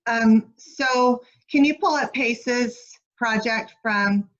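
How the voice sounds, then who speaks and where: A woman teacher chatting from home in an online parent meeting. She talks in a relaxed, casual way and is heard over a video call. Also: fairly high pitch, slow. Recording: dull video call audio.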